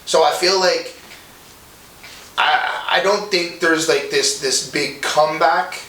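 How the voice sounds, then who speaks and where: A man's voice: a little high, slow, bright, forceful tone, distant mic. Casting: young man in his twenties from Montreal, earnest and profane, loose rambling talk, recorded off-mic in a roomy space with faint hiss. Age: 20s. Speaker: rapper guest. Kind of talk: casual monologue interview.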